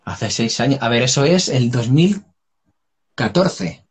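A singer who also does dub voice work is a guest in a casual chat, telling stories with plenty of laughter and frank swearing. His mid-range voice is slightly rough, and he speaks at a measured pace.

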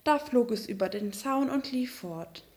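Eine Frau, die ein Märchen ausdrucksvoll und sanft vorliest. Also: female voice, a little high, expressive, a little slow, a little mellow, a little hiss or hum. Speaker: storyteller. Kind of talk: fairy tale reading.

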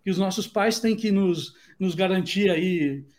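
A man's voice: high-pitched, measured pace, a little mellow. A Brazilian man in his forties with a Brazilian Portuguese accent, giving a conversational, reflective talk and often ending his points with a questioning tag. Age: 40s. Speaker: speaker sharing opinions.

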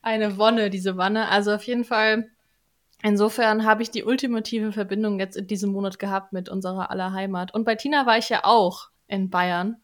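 A woman from Lower Franconia hosting a podcast, chatting playfully and mixing in English words. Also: steady tone, normal speed. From Lower Franconia, Germany. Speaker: podcast host. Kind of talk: casual podcast chat.

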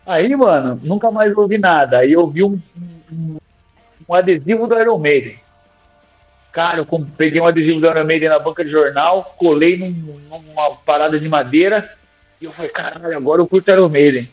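Guy with a high voice, chatty and slangy, sounds like a phone line with faint music under it. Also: fairly quick. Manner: animated, slangy, acts out his own past lines. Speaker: singing teacher guest. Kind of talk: casual storytelling in a podcast interview.

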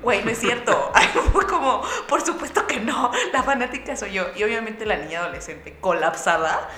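A young woman with a Mexican Spanish accent, telling a lively anecdote to friends and acting out the voices of the people in it. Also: a little high, normal speed, reverberant, slight background noise. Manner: lively storyteller acting out voices with bursts of laughter.

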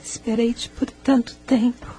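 Dying lovesick young heroine, delirious, high-pitched, slow halting pleas, radio melodrama. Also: female voice, little pitch movement, mellow, breathy edge. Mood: tender, weak. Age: young adult. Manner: plaintive, halting. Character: delirious, dying young woman pining for her lover. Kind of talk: melodramatic radio drama acting.

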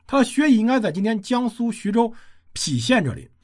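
A podcast storyteller recounts ancient history in a relaxed, chatty manner, breaking into everyday asides. The voice is husky and its pitch rises and falls a lot. It sits close on the microphone. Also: a little fast. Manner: lively conversational retelling with colloquial asides.

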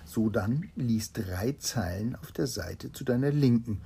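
A man reading a fairy tale aloud, voicing a calm, wise court physician with a gravelly, husky voice. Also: mid-range voice, a little slow, exaggerated voice. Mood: solemn.

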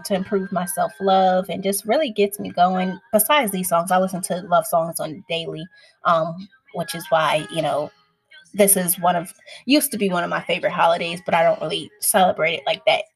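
A woman's voice: on the low side, moderate pace, slightly rough. A woman hosting and chatting casually to her listeners about songs she loves, in an upbeat, friendly way. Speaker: host sharing song picks. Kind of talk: casual chat. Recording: faint music in the background.

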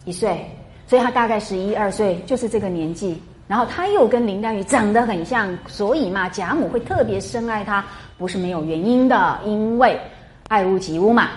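A woman lecturing a class on a classic novel, chatty and animated, full of rhetorical questions. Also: medium pitch, a little fast, a little hiss or hum. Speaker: literature lecturer. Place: classroom with students.

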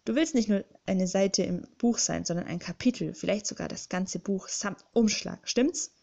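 A woman's voice: medium pitch, normal speed, creaky, a little mellow, lo-fi sound. A woman reading an audiobook, voicing a jovial, secretive male bookling creature who speaks dramatically and conspiratorially. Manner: dramatic, conspiratorial, grips and urges. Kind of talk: audiobook character voice.

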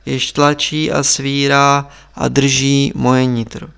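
A man's voice: mid-range voice, level tone, creaky, a bit bright, smooth. A man reading as a desperate young monk. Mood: despairing. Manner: pleading, anguished. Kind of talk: audiobook reading.

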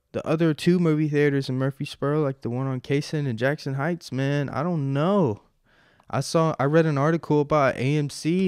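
A man's voice: medium pitch, a little mellow, smooth, dry recording, studio quality. A man in his twenties hosting a podcast on his own, talking in a loose, rambling way with lots of "like" and casual swearing. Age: 20s. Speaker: podcast host. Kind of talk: casual solo podcast monologue.

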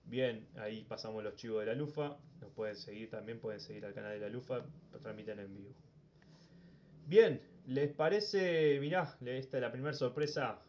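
A man's voice: medium pitch, normal speed, highs cut off, slight background noise. A Uruguayan man hosting a casual sports talk podcast, rambling and often repeating words as he thinks. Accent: Uruguayan Spanish. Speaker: podcast host.

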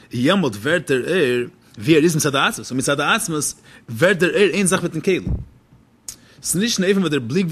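A man's voice: medium pitch, a bit bright, slightly rough. A man giving a religious text lecture as a teacher, posing questions and then answering them.

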